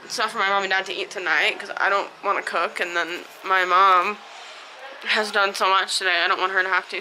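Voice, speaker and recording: Speaking from home with a sore, swollen mouth after dental surgery, an American woman vlogger chats candidly to the camera and drifts off topic now and then. She has a medium-pitched, bright, forceful voice, captured in a low-quality recording with a faint hiss or hum.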